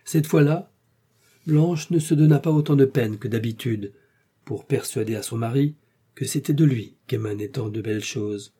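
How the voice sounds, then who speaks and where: A man narrating a classic novel in a steady, measured reading. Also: mid-range voice, breathy edge. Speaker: audiobook narrator.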